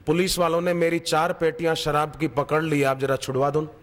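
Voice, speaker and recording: A man's voice: fairly high pitch, little pitch movement, normal speed, big-room sound, close to an everyday voice. A man voicing a naive drunk man who earnestly begs a doctor for a favor. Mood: pleading. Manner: earnest, pleading.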